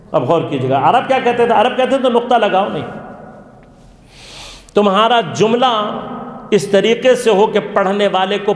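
A man teaching an interactive religious lesson to a class. He poses questions to his listeners and then answers them himself. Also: high voice. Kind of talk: interactive lecture. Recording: echoey hall with long reverb.

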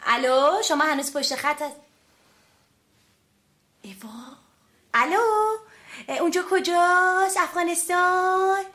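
A chatty, fussy woman with a very high, bright voice. She talks fast and keeps apologizing, in a sitcom way. A faint hiss sits under her voice. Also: steady tone. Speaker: office secretary. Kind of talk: sitcom comedy acting.

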